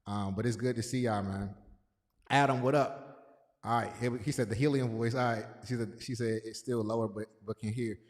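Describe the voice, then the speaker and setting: A man's voice: medium pitch, fairly even intonation, a little fast. A man hosting a livestream in a casual, loose way, often repeating himself and greeting chat viewers by name. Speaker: livestream host. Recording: long echoey reverb.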